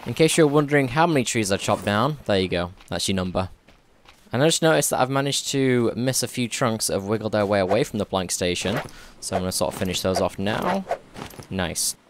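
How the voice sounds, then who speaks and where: A man's voice: on the low side, animated, brisk, slight background noise. A man giving casual, chatty commentary over his own gameplay, thinking aloud and correcting himself as he goes. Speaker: gaming YouTuber. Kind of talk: casual let's-play commentary.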